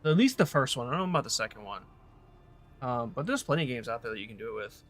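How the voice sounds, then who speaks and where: A man's voice: mid-range voice, big pitch swings, fast talker, fairly bright tone. A man streaming a video game, chatting casually and thinking aloud in a rambling way with lots of fillers. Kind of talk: casual gaming stream chat.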